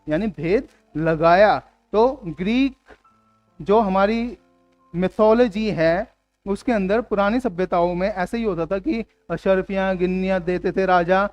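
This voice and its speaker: High-voiced man teaching vocabulary. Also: dry recording. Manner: explains in Hindi, reads English words and sentences slowly; asks the class rhetorical questions. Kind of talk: exam-prep vocabulary lesson.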